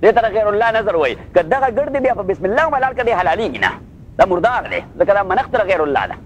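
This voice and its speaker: A male Islamic scholar giving a Quran commentary class, reciting Arabic phrases slowly, then explaining them and checking with his listeners, with English phrases mixed in. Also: high-pitched, sing-song, muffled recording, slight background noise. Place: class in Los Angeles.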